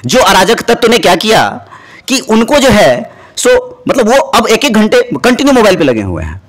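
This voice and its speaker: A man teaching civil services exam students in a motivational lesson, talking to them directly and mixing in English phrases. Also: normal speed. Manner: animated, lively rises and drops in pitch and loudness.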